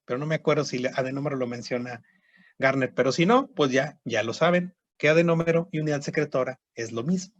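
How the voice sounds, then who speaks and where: A man's voice: mid-range voice, fast talker, dry recording, dull audio. A man teaching a histology class online, explaining step by step and checking in with students. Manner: explanatory, repeats terms, frequent "¿sí?" and "¿verdad?" checks.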